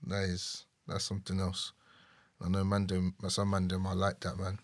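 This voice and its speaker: A man's voice: low-pitched, monotone, normal speed, no room sound. A young man with a London accent chatting casually and giving opinions in a slangy roadman way. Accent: London, urban slang.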